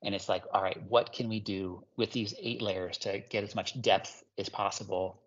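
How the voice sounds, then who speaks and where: A man's voice: on the low side, fairly even intonation, normal speed, highs cut off. A man from Hawaii chatting as a guest in an interview, enthusiastic and rambling with lots of fillers. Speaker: guest ceramic artist. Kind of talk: casual interview chat.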